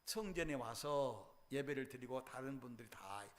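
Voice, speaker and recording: A middle-aged man preaching a revival sermon, telling a Bible story dramatically and swinging between loud outbursts and hushed passages. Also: medium pitch, animated, normal speed. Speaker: pastor.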